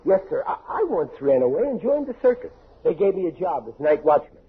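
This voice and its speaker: In a 1940s radio comedy, an actor plays a cocksure, blundering working-class father who stammers with overconfidence and sounds smug. His slightly high voice is very animated and brisk, heard through a muffled, hissy recording of the era.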